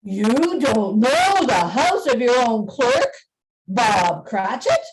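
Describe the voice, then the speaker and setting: Give the spirit a high, swooping, theatrical voice performed by a woman. It is a jovial giant ghost from a radio play, grandly declaiming at an unhurried pace. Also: sing-song, low-quality recording. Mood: commanding. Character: grand, jovial, gigantic Ghost of Christmas Present.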